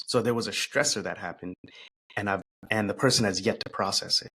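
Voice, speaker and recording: A man speaking as a podcast guest, reflective and thoughtful, pausing and restarting as he talks. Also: on the low side, breathy edge. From United States. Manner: thoughtful, pauses and restarts, laughs softly.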